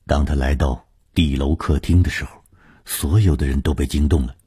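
A man narrating a suspense story for radio, reading dramatically and dropping to a hush in tense passages. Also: rumbling low, normal speed, slightly rough.

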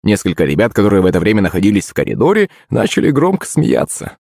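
A man's voice: fairly low pitch, wildly swooping pitch, fast talker, gravelly, a little mellow, slightly rough, no echo, studio quality. A man reading a first-person audiobook story in a wry, ironic manner.

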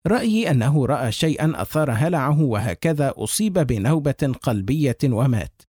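A man's voice: mid-range voice, sing-song, a little fast, darkish tone, breathy edge, no room sound, studio quality. A man voicing a seasoned police lieutenant colonel who reasons grimly and plainly through a death. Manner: grim, matter-of-fact reasoning.

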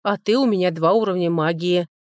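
A woman's voice: fairly low pitch, dry recording, clean studio sound, close to an everyday voice. A woman voicing a cool, composed duchess. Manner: cool, measured, softly condescending. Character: composed elder sister, a calm duchess. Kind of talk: audiobook character voicing.

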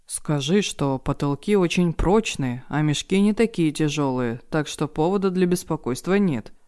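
A woman's voice: low-pitched, lively intonation, normal speed, darkish tone, smooth. A woman voicing a flustered male senior hotel administrator with a velvety, soothing voice. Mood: uneasy. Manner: velvety, soothing voice turning uneasy.

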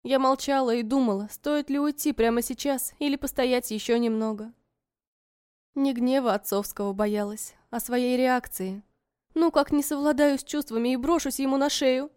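A woman narrating a story in the first person, in a soft, measured and wistful way. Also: high voice, fairly even intonation, clean tone, no room sound, clean studio sound.

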